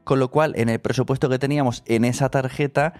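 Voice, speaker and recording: A man's voice: mid-range voice, fairly even intonation, quick pace, darkish tone, no echo. Wry joking man, podcast co-host. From Spain. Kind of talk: casual chat.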